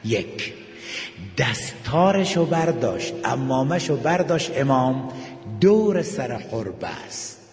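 A man preaching an emotional sermon, telling stories and dropping his voice low for tender moments, then lifting into sung lines. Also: big pitch swings, music in the background. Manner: emotional, slows and drops to near whisper for tender moments, rises with sung passages. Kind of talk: religious sermon with storytelling. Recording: echoey hall reverb.

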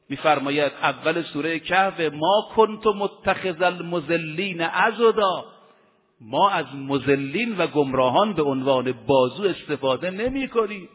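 A man preaching a sermon with emphasis, slowly chanting Arabic quotations. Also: on the high side. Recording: tinny lo-fi recording in an echoey hall.

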